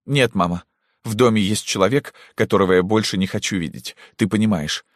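A man's voice: on the low side, a little fast, no echo, clean studio sound, pitched above the performer's own voice, close to an everyday voice. A man voicing a tearful young girl who pleads dramatically with her mother, in an audiobook. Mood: defiant.

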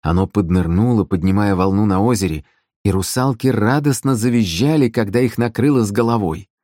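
A man narrates a fantasy audiobook in a low voice, with a measured and dramatic delivery. The recording is dry and close to the mic. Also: a little mellow, dry recording. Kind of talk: scripted narration.

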